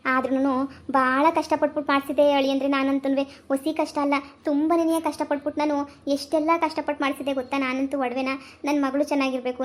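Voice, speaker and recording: High-voiced comforting village mom, woman playing her, keeps repeating herself. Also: close to an everyday voice. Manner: soothing, reassuring, repetitive. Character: doting village mother, comforting and generous. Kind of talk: village comedy skit acting.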